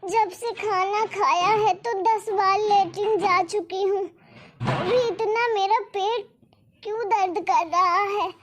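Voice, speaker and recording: A woman voicing an elderly mother in stomach pain, who talks slowly, groans and pleads through tears. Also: extremely high pitch, steady tone. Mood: moaning, pleading. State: crying in pain.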